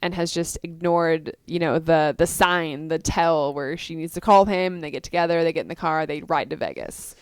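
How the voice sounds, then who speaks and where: A woman co-hosting a casual chat, retelling story details with animated emphasis. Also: sits low, normal speed, hardly any pauses, clean tone, dry recording, studio quality. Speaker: co-host. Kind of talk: casual discussion of book versus film.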